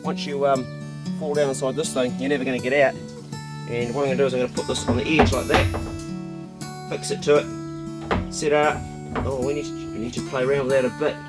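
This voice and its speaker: A man's voice: mid-range voice, little pitch movement, quick pace, pauses often, loud music behind the voice. A man with a broad New Zealand accent, vlogging casually and thinking aloud in a blokey, sweary, colloquial way. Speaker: outdoor vlogger. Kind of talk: casual vlog, thinking aloud while demonstrating.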